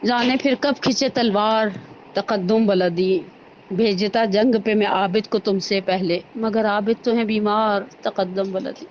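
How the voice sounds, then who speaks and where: A woman's voice: mid-range voice, steady tone, few pauses, dull audio, a little hiss or hum. A woman orator giving an impassioned mourning sermon at a women's gathering, reciting in a lamenting voice that rises to anguished cries. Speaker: zakira (religious mourning orator).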